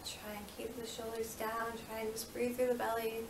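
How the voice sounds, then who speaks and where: A woman's voice: on the high side, monotone. Distant, echoey woman guiding a meditation. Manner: soothing, unhurried instructions with gentle repetition. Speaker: yoga and meditation instructor. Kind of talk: guided meditation. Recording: roomy, distant mic with faint noise.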